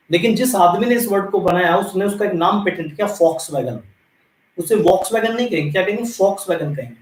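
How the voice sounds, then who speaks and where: A man from India teaches an English grammar lesson, walking his students through each point step by step. His voice sits high for a man. He sounds distant from the mic in an echoey room. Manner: explains step by step, addresses students directly.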